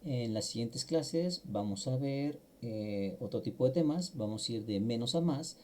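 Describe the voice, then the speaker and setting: A man's voice: mid-range voice, lively intonation, unhurried, darkish tone, a little hiss or hum. A middle-aged man, patiently explaining a language lesson step by step, with small fillers as he goes. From Mexico. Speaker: language teacher. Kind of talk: online grammar lesson.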